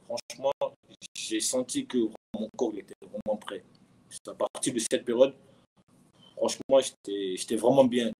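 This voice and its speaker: Here the footballer, a man in his thirties appearing as an interview guest, has a warm, mid-range voice with a slight roughness. He spins casual stories and repeats phrases for emphasis, all captured on a rough recording.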